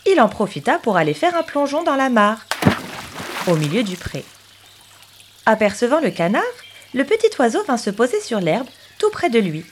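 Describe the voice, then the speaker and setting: Storyteller woman, children's tale, high voice, very lively melody. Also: normal speed, long pauses, a little hiss or hum. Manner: animated, storybook intonation. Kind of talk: expressive children's story narration.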